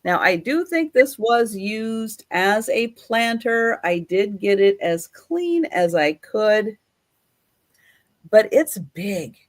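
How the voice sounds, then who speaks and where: A woman hosting a live sale as the auctioneer, describing items in an unhurried, chatty, measured way. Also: medium pitch, expressive.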